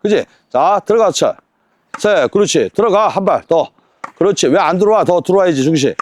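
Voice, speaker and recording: A man coaching a tennis lesson on court, counting drills and firing quick rhetorical questions at his student. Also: sits high, animated, a little mellow.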